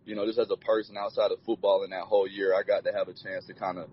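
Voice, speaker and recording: A college football player in his twenties answers interview questions in a laid-back way, his voice lowish, fast and fairly flat in pitch, with plenty of "you know" fillers. The recording is dull and lo-fi, with slight background noise.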